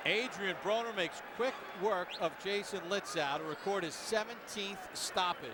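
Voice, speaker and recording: Ringside at a boxing arena, a man delivers live fight commentary in an emphatic, polished broadcast style. His voice is high and his speed normal, set against noisy arena ambience.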